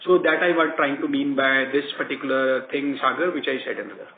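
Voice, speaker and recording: A man, a bank executive explaining results to analysts on a conference call, halting and rephrasing as he goes. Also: mid-range voice, a little hiss or hum. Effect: heard over a conference call line. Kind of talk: answering analyst questions on an earnings conference call. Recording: tinny echoey conference call line.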